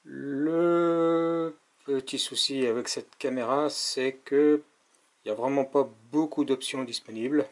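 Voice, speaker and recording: A tech reviewer talks viewers through a product in a casual, practical demonstration. His voice sits at an ordinary middle pitch. He explains plainly and hesitates often between points. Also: steady tone, slow pace.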